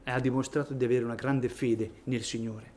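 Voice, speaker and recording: A man's voice: mid-range voice, flat delivery, brisk, a little mellow, a little hiss or hum. A man preaching a sermon in a church, reading scripture and rising to emphatic peaks on key phrases.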